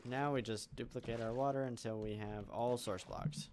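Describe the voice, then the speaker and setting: A man's voice: medium pitch, steady tone, normal speed, noisy background. A man hosting a game channel, thinking aloud in casual let's play commentary as he builds. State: hiccuping. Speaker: gaming channel host.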